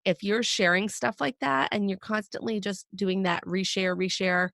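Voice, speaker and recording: A woman co-hosting a podcast with a scratchy, raspy voice, hoarse from a cold, explaining points in a relaxed, chatty way. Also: medium pitch, normal speed, no echo, clean studio sound. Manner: explanatory, laid-back, with frequent fillers. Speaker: podcast co-host. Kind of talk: casual podcast discussion.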